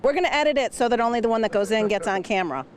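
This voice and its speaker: A woman's voice: fairly high pitch, animated, very fast. A woman reporting from a golf course for TV, playful and teasing with her interviewee. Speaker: TV sports reporter. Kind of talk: field reporting.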